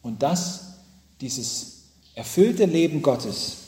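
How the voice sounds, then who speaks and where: A man preaching a sermon from the pulpit to his congregation, telling stories with dramatic pauses and emphatic repetitions. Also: fairly high pitch, animated, a little mellow. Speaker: pastor. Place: church with pulpit. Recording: echoey church hall.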